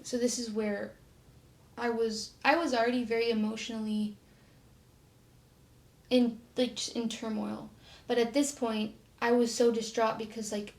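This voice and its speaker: A young woman in her twenties, telling her own story to camera in a soft, halting way, often trailing off quietly. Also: on the high side.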